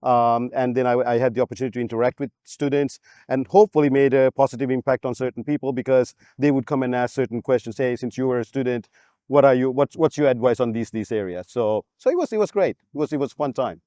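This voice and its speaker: A man answering interview questions in a measured, explanatory way about working at his old school. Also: medium pitch, dark tone, dry recording. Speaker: alumnus guest.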